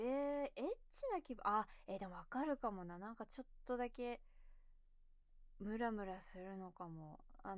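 Giggly, rambling tipsy young woman. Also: no echo. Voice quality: calls her natural voice low. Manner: rambling and giggly, trails off into mumbles. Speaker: streamer answering viewer questions. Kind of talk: casual chat. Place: at home, sitting on the floor.

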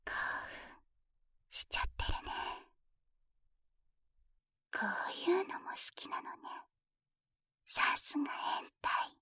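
A woman voicing a playful, teasing young lover in an intimate audio drama, whispering softly close to the microphone. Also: takes it slowly, long pauses, no room sound. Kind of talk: intimate whispered ASMR roleplay.

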